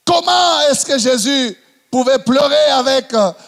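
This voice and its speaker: High-voiced gravelly pastor preaching. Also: male voice, animated, unhurried, big-room sound. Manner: impassioned preaching, swings from shouted to hushed. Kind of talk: sermon.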